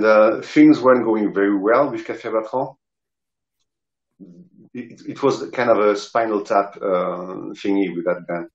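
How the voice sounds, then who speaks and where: Male interview guest, French accent, lowish voice, hesitant storytelling, dull roomy video-call sound. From south of France. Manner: hesitant, searching for words. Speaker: interview guest, rock guitarist and singer. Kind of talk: casual anecdotes. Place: indoor room, video call.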